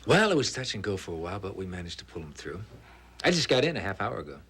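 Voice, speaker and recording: An actor playing a doctor who gently teases his partner, in a 1980s daytime soap. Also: low-pitched, big pitch swings, fast, slight background noise, exaggerated voice. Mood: teasing. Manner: gently teasing. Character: male doctor, dry-humored and fond.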